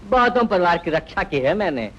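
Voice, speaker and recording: A sly small-time hustler who teases and cracks jokes at everyone's expense. His voice sits high for a man. The track is muffled and lo-fi, as in an old dubbed film. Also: sing-song, normal speed, a bit bright, full character voice. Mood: teasing. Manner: teasing, mocking. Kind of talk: Hindi film dubbing. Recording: dull lo-fi dubbed film audio.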